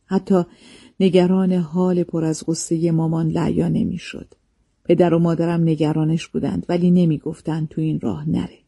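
Husky, dark-voiced male narrator. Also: fairly high pitch, no echo. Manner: calm, measured reading. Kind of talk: scripted narration of a memoir.

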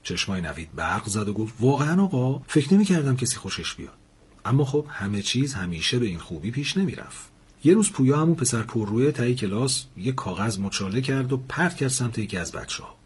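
A male storyteller with a very husky, lowish voice narrates animatedly, switching into character voices for the dialogue.

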